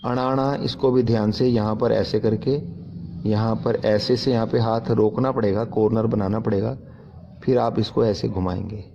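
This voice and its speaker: A man teaching handwriting with slow, deliberate explanations. His voice sits low and dark. The recording is dull and lo-fi, and he calmly repeats each correction. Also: gravelly, slight background noise. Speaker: Punjabi writing teacher. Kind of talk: step-by-step handwriting lesson.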